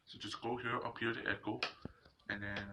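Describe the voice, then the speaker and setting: Through a muffled lo-fi microphone full of loud noise and clicks, a man with a medium-pitched voice walks through a screen tutorial step by step. He speaks at normal speed in a flat delivery, sounding informal and hesitant.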